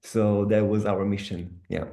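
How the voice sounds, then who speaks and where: A man's voice: fairly low pitch, flat delivery, a little slow, vocal fry, mellow, roomy sound. Earnest man. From Portugal. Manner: earnest and heartfelt. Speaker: actor and film producer. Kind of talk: Q&A panel answer.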